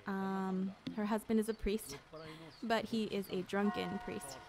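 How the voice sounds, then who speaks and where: A woman's voice: medium pitch, flat delivery, measured pace. A woman speaking an English dub of a game director's commentary, casually walking viewers through a video game.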